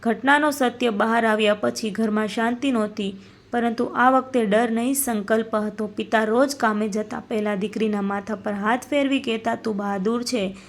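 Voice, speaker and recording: A woman reading a scripted moral story in a steady, solemn narrating voice. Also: fairly high pitch, moderate pace.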